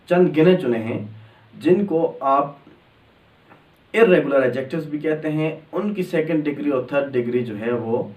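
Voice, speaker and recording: A man explaining English grammar step by step, drawing out example words slowly. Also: on the high side, darkish tone. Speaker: English teacher. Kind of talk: grammar lesson. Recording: echoey room, distant mic.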